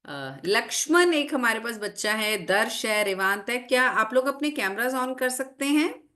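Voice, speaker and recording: Lively woman telling a story to a class. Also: on the high side, measured pace. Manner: lively, checks in often with the class. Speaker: online class teacher. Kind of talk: storytelling lesson to children on a video call. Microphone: video call.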